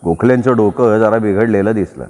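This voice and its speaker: A man telling a story aloud in a lively, expressive narrating style. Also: lowish voice, fairly quick. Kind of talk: dramatic story reading. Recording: long reverb.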